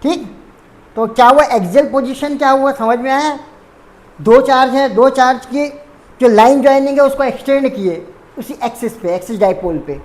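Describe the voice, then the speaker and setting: A woman's voice: high voice, a little mellow. A woman teaching a physics lesson. She explains step by step, repeats terms and corrects her own slips.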